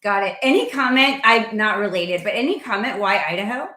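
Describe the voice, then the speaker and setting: A woman hosting a casual interview, chatty and filling pauses with ums. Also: medium pitch, lively intonation, sharp tone, echoey room. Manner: chatty, with frequent fillers. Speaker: host.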